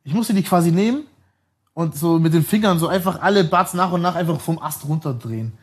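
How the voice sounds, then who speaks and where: A man in his thirties appears as a podcast guest, telling long stories in a casual, rambling way, laughing often and correcting himself. His voice is somewhat high, brisk, and husky.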